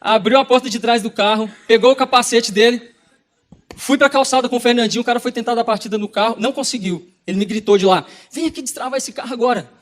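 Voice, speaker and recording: A pastor with a Brazilian Portuguese accent preaches a sermon, animatedly recounting a personal story and acting out the dialogue. His voice is very high and he talks fast.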